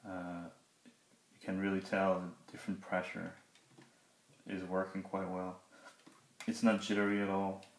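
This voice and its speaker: A man with a low, flat voice talks through a casual demo. He is halting and slightly awkward, as if nursing a sore mouth after having teeth pulled. The recording is roomy and echoing, with some faint noise. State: in pain after dental surgery. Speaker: product reviewer, 3D artist. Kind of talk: casual unscripted tablet review and demo. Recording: roomy echo, background hiss and clicks.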